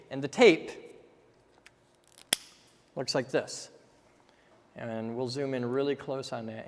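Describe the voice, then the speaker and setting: Casually walking through a technical explanation as he draws, a man with a slightly high, slightly mellow voice teaches one step at a time and often asks "okay?" A long reverb tail trails his words.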